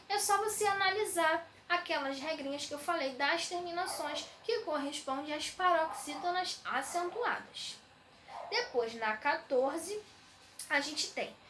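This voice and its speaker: A woman's voice: high voice, bright, forceful tone, a little hiss or hum. A woman teacher, patiently explaining textbook exercises to young students, often saying "né". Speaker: schoolteacher. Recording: echoey room.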